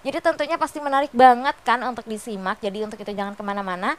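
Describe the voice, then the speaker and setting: A woman's voice: on the high side, rapid-fire, a little hiss or hum. A young woman from West Java, sick with a cold and sounding nasal, chatting casually to her followers from her bed. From West Java, Indonesia. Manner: chatty, peppered with fillers. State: sick with a stuffy nose. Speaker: vlogger. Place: bedroom, on a bed.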